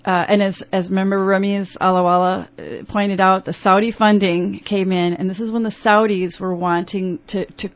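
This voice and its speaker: A woman's voice: mid-range voice, little pitch movement, moderate pace, few pauses, dry recording. A woman talking as a radio interview guest in a rambling way with many restarts, heard through a dull AM radio broadcast. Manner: rambling, full of restarts and fillers. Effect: AM radio broadcast sound. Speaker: interview guest, youth program founder.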